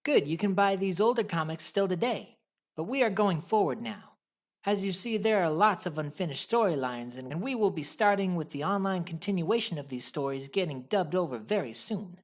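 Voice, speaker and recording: A woman's voice: on the low side, animated, normal speed. A woman voicing a young male hedgehog hero, narrating a scripted recap of his backstory matter-of-factly with wry asides.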